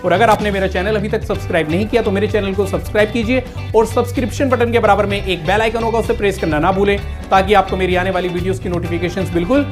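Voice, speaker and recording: A man teaching English pronunciation in a casual lesson, repeating each word slowly to contrast wrong and right. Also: high voice, steady tone, over music. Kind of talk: Hindi-language pronunciation lesson.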